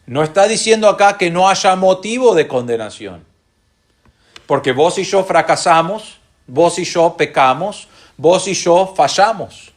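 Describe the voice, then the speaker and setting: A man with an Argentine accent preaching a sermon as pastor, earnestly slowing down to stress key phrases and putting rhetorical questions to the congregation. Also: high voice, expressive. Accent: Argentine Spanish.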